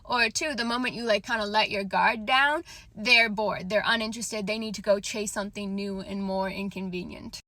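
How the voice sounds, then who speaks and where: Bright, confident woman giving dating advice. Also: medium pitch, steady tone, moderate pace, dry recording. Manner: confident, emphatic, conversational. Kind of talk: casual opinionated advice talk to camera.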